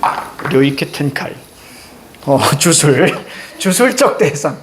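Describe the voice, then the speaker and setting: A male literature teacher giving a lecture to students, animated and joking, with sudden loud outbursts. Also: on the high side, slow pace, a little hiss or hum.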